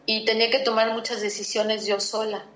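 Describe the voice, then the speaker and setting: A woman's voice: on the high side, level tone, a little fast, fairly bright tone. A middle-aged woman gives personal testimony in an interview, talking earnestly and reflectively with many restarts and fillers. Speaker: interview guest. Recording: roomy echo.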